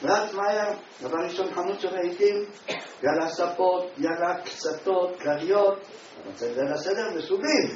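A man preaching a religious tale in an animated storytelling sermon, dramatically acting out the characters' voices. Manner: dramatic, acts out characters with leaps in pitch and loudness. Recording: echoey distant room mic, dull sound, faint noise.

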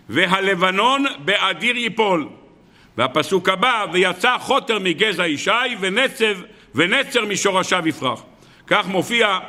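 A man's voice: high voice, bright, forceful tone, in a large hall. A man teaching a religious lesson, telling a story and asking rhetorical questions that he then answers. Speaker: Torah teacher.

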